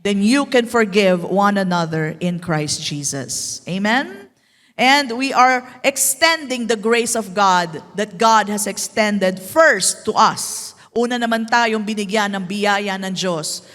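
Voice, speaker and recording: A woman pastor with a Filipino accent preaching, mixing English and Tagalog with playful asides and slow, drawn-out emphasis. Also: mid-range voice, a bit bright. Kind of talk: sermon. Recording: echoey hall.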